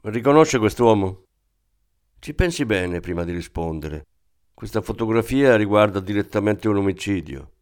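A cool, unflappable woman police inspector presses a suspect with steady, controlled insistence, voiced by a male narrator. She is precise and relentless. The setting is an audiobook crime novel. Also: fairly low pitch, moderate pace, clean tone, lightly acted. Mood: firm.

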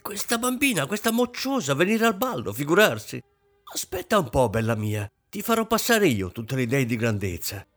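A man voicing a domineering, scornful middle-aged mother in an audiobook reading, shouting in anger. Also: mid-range voice, sing-song, normal speed. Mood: furious.

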